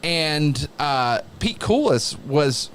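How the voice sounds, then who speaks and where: A man who works as a wrestling announcer, chatting casually as an interview guest in a halting, reflective way. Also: on the high side, sing-song, fairly bright tone, a little hiss or hum.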